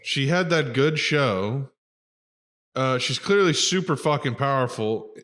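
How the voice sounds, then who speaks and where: A man's voice: medium pitch, takes it slowly. A man around thirty chatting casually on a podcast, swearing freely and acting out movie characters. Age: 30s. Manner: profane, animated, acts out movie characters. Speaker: podcast host. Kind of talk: casual chat.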